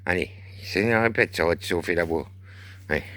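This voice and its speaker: A man with a deep bass voice chatting in playful, teasing banter, drawling his words and joking with his companion in a garden. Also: moderate pace, a bit bright, slight background noise. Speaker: puppet-show host. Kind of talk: improvised comic banter. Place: garden outdoors.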